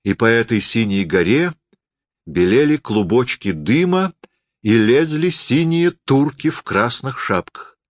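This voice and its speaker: A man narrating a story in an expressive, story-telling reading style. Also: medium pitch, a little slow, dry recording, studio quality.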